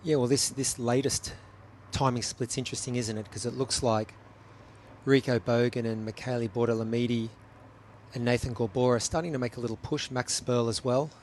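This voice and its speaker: A man in a mid-pitched voice calls a live race, breaking down the tactics in a relaxed, chatty way. Frequent ums fill the gaps between his points, and faint noise sits behind him. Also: moderate pace. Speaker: race commentator. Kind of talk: live sports commentary.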